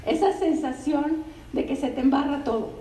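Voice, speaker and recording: An older woman, a literary translator giving an animated, conversational talk and often turning to the audience with asides. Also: high-pitched, normal speed. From Mexico. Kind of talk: anecdotal public talk. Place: bookstore event room. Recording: roomy, distant, faint ambient noise.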